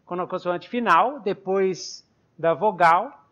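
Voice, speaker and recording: A man's voice: sits high, slow pace, sharp tone. A Brazilian man co-hosting a podcast lesson, explaining English grammar step by step and spelling words out letter by letter. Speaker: English teacher, podcast co-host. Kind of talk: conversational teaching podcast. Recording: muffled online call audio.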